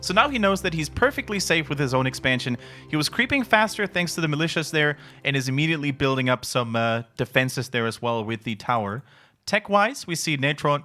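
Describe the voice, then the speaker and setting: Bright, excited Dutch game caster. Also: male voice. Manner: excited play-by-play, rising pitch at big moments. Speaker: esports caster. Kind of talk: live game commentary.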